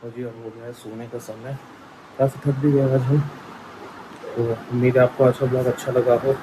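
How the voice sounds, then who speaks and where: A man's voice: mid-range voice, flat delivery, normal speed. Male family vlogger, chatty running commentary, noisy outdoor phone audio. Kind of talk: casual vlog narration. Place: outdoors and around the home, on the move.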